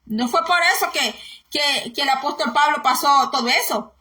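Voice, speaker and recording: A woman delivers a fervent sermon. She repeats words for emphasis and slips into sing-song mockery of others. Her voice is high and bright, and the room around her echoes. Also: normal speed. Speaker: preacher.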